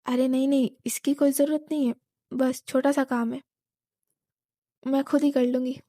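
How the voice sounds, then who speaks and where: A woman's voice: high voice, little pitch movement, normal speed, warm tone, dry recording, clean studio sound. A woman voicing a polite young woman guest who is eager to leave. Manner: polite, apologetic.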